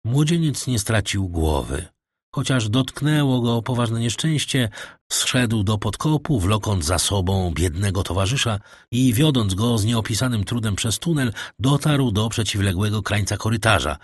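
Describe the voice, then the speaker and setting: A man reading a classic novel as an audiobook narrator, in a measured, even literary manner. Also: fairly low pitch, breathy edge, no room sound, clean studio sound.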